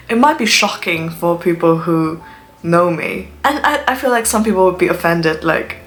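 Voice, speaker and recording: Expressive and a little slow, this lowish female voice belongs to a Chinese student vlogger in her twenties from Shanghai who relates stories with chatty drama. She learned her English from TV, so her accent blends British and American. Faint music plays in the background.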